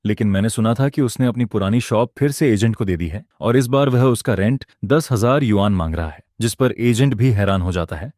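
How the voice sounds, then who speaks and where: A man narrating a first-person story recap in a steady, even storytelling delivery. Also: fairly low pitch, dry recording, clean studio sound.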